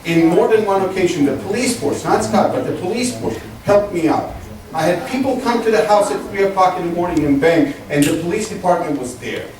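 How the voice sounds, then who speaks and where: A resident who grew up in Texas makes an indignant public comment at a town meeting, his high-pitched, darkish voice brisk with lively intonation. He's emphatic and fires off pointed questions, heard from far off in an echoey hall with faint noise.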